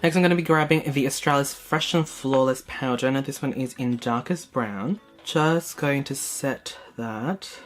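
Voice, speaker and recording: A man's voice: medium pitch, moderate pace, soft background music. A young man from Hong Kong, a beauty vlogger, chatting casually with many fillers while narrating his makeup steps in a small room. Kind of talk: casual get-ready-with-me chat. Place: small indoor room, plain backdrop.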